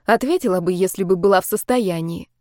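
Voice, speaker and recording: A woman narrates a first-person fantasy audiobook in a steady, even reading voice. Her pitch sits in the middle. The sound is close and dry, with no room echo. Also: fairly quick.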